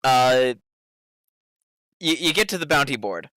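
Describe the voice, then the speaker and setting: A man with a crisp, dry-sounding voice works as game master for a tabletop session. He narrates casually and haltingly, thinking out loud, in a bright middle-pitched voice. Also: animated, no echo.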